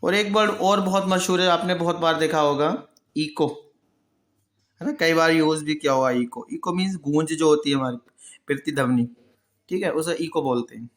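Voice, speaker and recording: A male teacher giving a vocabulary lesson, who explains patiently, answers his own questions and repeats each word slowly. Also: fairly high pitch, a bit bright, roomy sound. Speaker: English pronunciation teacher. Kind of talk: Hindi-language vocabulary lesson.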